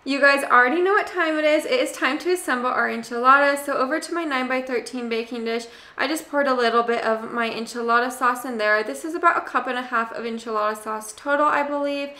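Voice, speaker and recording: Young woman, cooking vlog voice-over, higher pitch, crisp bright tone, roomy echo. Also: fast talker, few pauses. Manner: chatty, relaxed, addresses viewers as "you guys". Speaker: cooking channel host. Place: home kitchen.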